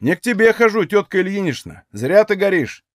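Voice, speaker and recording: A man's voice: sits high, sing-song, brisk, no room sound, clean studio sound. A man reading as a stubborn, blunt young Cossack who answers in folksy rural speech.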